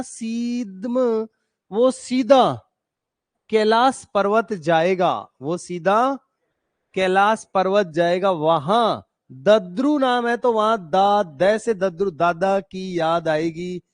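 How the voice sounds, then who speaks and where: A man with a high voice and a slight tinge leads a classroom lesson. He speaks slowly and drags out each term as he builds mnemonics. The sound is dry and close. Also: dry recording. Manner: repeats terms slowly, spells out mnemonics; chatty, asks students questions. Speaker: Ayurveda coaching teacher. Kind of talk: classroom lecture with memory tricks. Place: coaching classroom.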